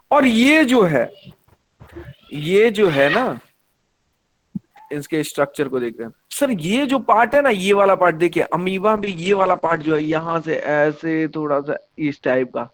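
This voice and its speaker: A man leads an online science lesson in a fairly high voice. He talks in a lively way and keeps asking the students questions. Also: a little slow. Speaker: teacher.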